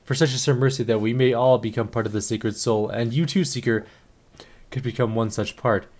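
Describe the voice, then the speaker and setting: A man's voice: mid-range voice, brisk, darkish tone, lightly acted. A man voicing a zealous male cult priest who talks in pompous, ceremonial phrasing. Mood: solemn.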